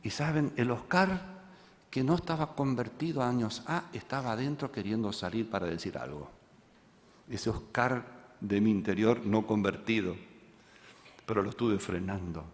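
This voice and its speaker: A pastor, preaching a sermon and telling a story that he acts out, moving from loud passages to hushed ones. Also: fairly low pitch, moderate pace, in a large hall.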